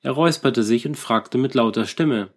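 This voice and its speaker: Guy calmly reading a folk tale aloud, mid voice, even pace. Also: medium pitch, normal speed. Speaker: narrator. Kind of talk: storytelling reading.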